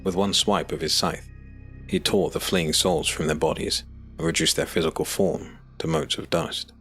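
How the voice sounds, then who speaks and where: Deep-voiced male audiobook narrator. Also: steady tone, normal speed, a bit bright, faint music behind. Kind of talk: scripted narration.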